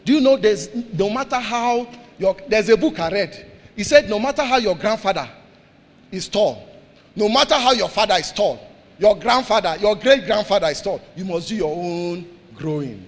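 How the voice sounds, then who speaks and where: High-voiced man preaching in a reverberant hall. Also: expressive, moderate pace. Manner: call-and-response preaching, repeats lines, swings between loud and soft. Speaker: pastor. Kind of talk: sermon.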